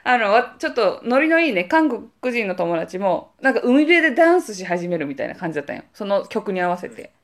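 明るい関西なまりの若い女性が、くだけた雑談の中で身振りたっぷりに旅先の思い出を語る。. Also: female voice, medium pitch, fairly quick, few pauses. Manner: animated, acts out quoted voices. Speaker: podcast co-host. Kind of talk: casual storytelling chat.

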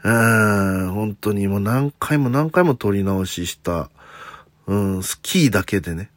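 A man's voice: on the low side, expressive, a little slow, no echo. A man from Osaka talking casually in a solo podcast, mostly in standard Japanese with faint Kansai traces, chatty and self-deprecating. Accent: slight Tokyo-leaning standard Japanese with faint Kansai traces. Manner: chatty, self-deprecating, frequent "un" fillers and joking asides. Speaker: comedian hosting a solo talk podcast.

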